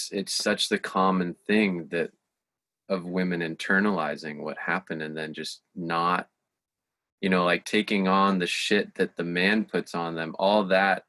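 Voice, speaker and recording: A man's voice: low voice, fairly bright tone, no room sound. A man hosting a conversation, speaking reflectively and searching for his words. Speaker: host. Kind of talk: conversational interview.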